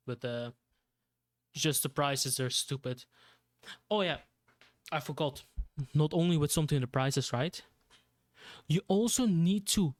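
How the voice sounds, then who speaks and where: Slow-talking Belgian man, rambling. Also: a little high. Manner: rambling, laughs often, repeats himself. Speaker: streamer. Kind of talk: casual chat.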